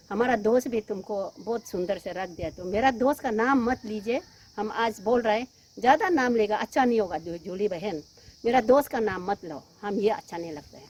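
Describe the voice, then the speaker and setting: High-pitched woman making a pleading statement. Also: husky. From Arunachal Pradesh, India. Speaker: woman answering allegations on local news. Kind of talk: emotional public statement.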